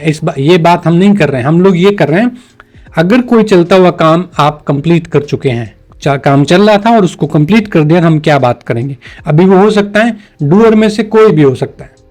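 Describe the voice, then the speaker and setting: A man's voice: high-pitched, a little mellow. Man teaching English patiently. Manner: patient, repeats examples slowly, switches between two languages. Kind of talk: explanatory online class.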